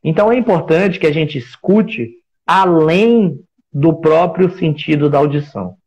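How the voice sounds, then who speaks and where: A man's voice: a little high, measured pace, darkish tone. A man with a Brazilian Portuguese accent giving a reflective explanatory talk in a live stream, often restarting phrases and posing rhetorical questions. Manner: reflective, searching for words, with frequent restarts; builds points with rhetorical questions. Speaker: speaker on workplace listening.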